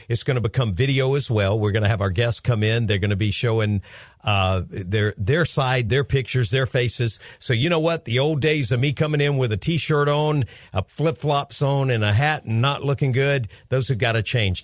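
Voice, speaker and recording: A man in his fifties hosts a radio show with his young son as guest, speaking at a medium pitch with no room sound. His manner is upbeat, chatty, and rambling.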